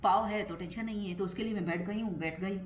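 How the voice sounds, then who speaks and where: A middle-aged woman chatting in a casual home vlog; she talks fast, trips over her words and laughs often. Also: mid-range voice, reverberant, a little hiss or hum. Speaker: vlogger.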